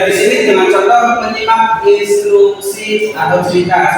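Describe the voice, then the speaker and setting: A young man gives a classroom presentation, rambling loosely through his points and examples. His voice sits somewhat high for a man. It reaches the mic from far off in a strongly echoing classroom, with steady noise behind him. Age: young adult. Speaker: student presenter. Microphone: far camera.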